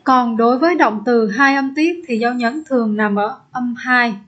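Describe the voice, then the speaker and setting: A woman teacher explaining an exam step by step, repeating example words slowly and patiently. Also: a little high, a bit bright, lo-fi sound. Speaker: English teacher. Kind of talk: exam-prep lesson.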